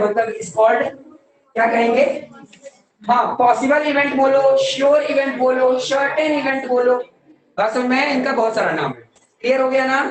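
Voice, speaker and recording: A woman teaching a maths class, mixing Hindi with English terms, questioning students often and slowing down to dictate definitions. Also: sits high, far from the mic. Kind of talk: classroom lecture. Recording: very echoey classroom, voice from afar.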